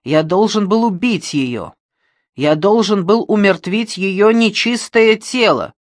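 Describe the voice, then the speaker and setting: A reader voicing a tormented male killer who breaks into hysterical, fervent shouting in an audiobook. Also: mid-range voice, lively intonation, dry recording, clean studio sound, voice pushed up. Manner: slow, halting, fervent. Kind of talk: audiobook reading.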